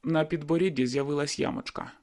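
A man's voice: on the high side, fairly even intonation, a little fast, darkish tone. A man reading a first-person novel aloud in a brooding, inward manner. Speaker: audiobook narrator. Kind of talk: first-person audiobook narration.

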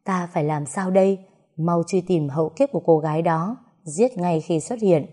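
A woman's voice: fairly low pitch, normal speed, mellow, lightly acted. A woman voicing a commanding, ruthless noblewoman of a snake clan, mother of its prince.

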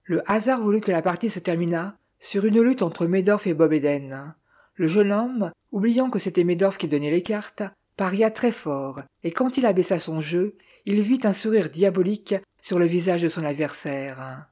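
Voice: medium pitch, lively intonation, normal speed, warm tone. Narrateur de livre audio, lecture posée, timbre sombre et doux. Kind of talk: scripted narration of a detective novel.

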